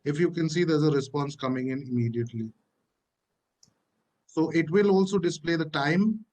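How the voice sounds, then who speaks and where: A man presenting a platform walkthrough on a video call, halting, with many fillers and restarts. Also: fairly high pitch, a little mellow, poor audio. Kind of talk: live webinar walkthrough.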